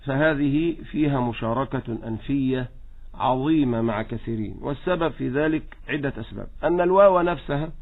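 A man with an Egyptian accent teaching Quran recitation in a radio lesson, slowly demonstrating each example. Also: mid-range voice. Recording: tinny phone-like radio line.

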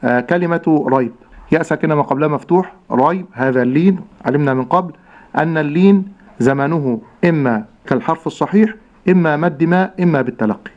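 A man teaching Quran recitation step by step, slowly drawing out each model pronunciation with patience. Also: fairly high pitch, a little mellow. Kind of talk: step-by-step tajweed instruction. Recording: dull lo-fi broadcast sound.

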